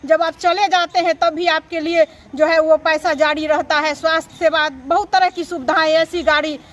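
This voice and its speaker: A woman's voice: very high voice, steady tone, normal speed. A woman from Bihar giving an impassioned protest speech in the street, full of indignant rhetorical questions. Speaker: protesting anganwadi worker.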